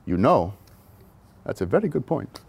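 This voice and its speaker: A man voicing a big, solemn German metal musician, with a put-on German accent and a slow, grave way of talking. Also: medium pitch, very animated, vocal fry, slight background noise. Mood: musing.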